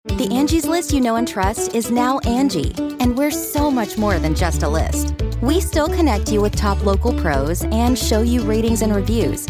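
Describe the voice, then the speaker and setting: A woman voicing an upbeat radio ad announcer. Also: a little high. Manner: bright, upbeat sales delivery.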